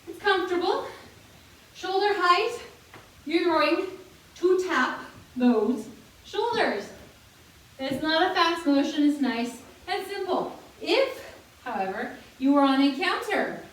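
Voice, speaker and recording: A woman leading a senior fitness class, chatting and laughing as she counts out the moves. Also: high voice. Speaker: fitness instructor. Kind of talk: guiding a senior exercise class. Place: fitness room. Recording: very echoey room, mic far off, faint noise.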